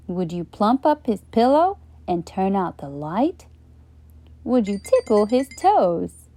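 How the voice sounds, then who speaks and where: A woman hosting a children's channel, reading a bedtime story aloud in a gentle, questioning way. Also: medium pitch, no echo. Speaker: storyteller host.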